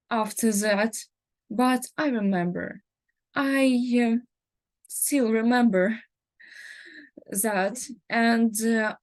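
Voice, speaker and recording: Woman, English, fairly high voice, slow pace, hesitant, spooky storytelling. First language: not English. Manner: halting, hesitant delivery with searched-for words. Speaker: speech contest participant. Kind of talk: spooky personal storytelling in a contest.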